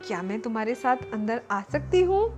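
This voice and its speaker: A woman's voice: a little high, sing-song, fairly quick, darkish tone, lo-fi sound. Brief: woman voicing a courteous cold fox for a kids' tale, near her own voice. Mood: pleading. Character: polite chilly female storybook fox.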